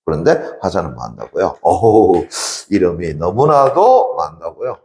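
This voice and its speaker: A man's voice: deep voice, sing-song, normal speed, gravelly, a little mellow, echoey room. A man teaching a literature class in a lecture style, asking rhetorical questions and answering them himself.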